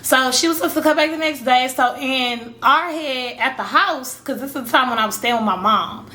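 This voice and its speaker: Bright-voiced chatty woman telling a story. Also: high-pitched, normal speed, slight background noise. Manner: chatty, rambling, addresses viewers as y'all, acts out her own reactions. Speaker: storytime vlogger. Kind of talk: casual storytelling to camera.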